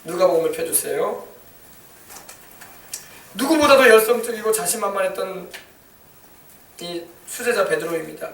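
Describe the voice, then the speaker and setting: A pastor with a high voice preaches in a church sanctuary, his words ringing through a roomy, echoing space. He stands a little away from the microphone and throws himself into the quoted lines with rising emphasis. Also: animated, normal speed, vocal fry, pauses often, fairly bright tone. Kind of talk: sermon. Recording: echoey church hall, mic at a distance.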